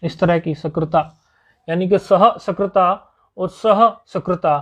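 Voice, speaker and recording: A man's voice: high voice, takes it slowly. A man teaching Sanskrit grammar in a patient lesson, repeating each point and checking that students follow.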